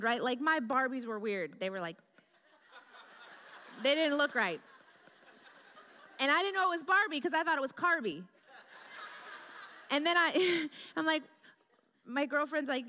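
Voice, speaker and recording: A woman from the Midwest preaching a humorous sermon, telling stories and acting out the voices in them. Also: high-pitched. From American Midwest. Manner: animated, comedic, acts out quoted voices. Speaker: guest preacher. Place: church hall. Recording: reverberant church hall.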